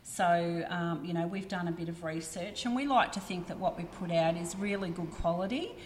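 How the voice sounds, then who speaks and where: Chatty woman, lowish voice. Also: normal speed, long reverb tail, slight background noise. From Australia. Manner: chatty, many fillers like um and you know. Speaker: guest, printing business representative. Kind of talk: casual podcast conversation.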